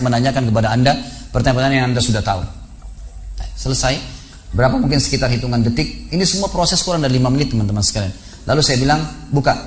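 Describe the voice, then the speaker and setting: A man's voice: medium pitch, a little hiss or hum. A man preaching a sermon in a mosque, telling a story and acting out the dialogue, building to emotional peaks. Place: large mosque.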